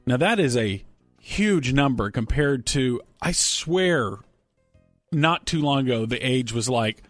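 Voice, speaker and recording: A man's voice: mid-range voice, lively intonation, slow pace, no room sound, soft background music. A man hosting a casual radio talk show, rambling and joking as he reads listener emails and banters with his co-hosts. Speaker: radio host. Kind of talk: casual sports radio chat.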